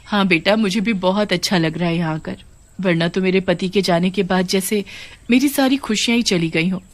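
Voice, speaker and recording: A woman's voice: mid-range voice, moderate pace, natural voice. A woman voicing a widowed mother who has become a witch ghost in a cartoon, speaking in a lamenting, emotional way. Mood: sad.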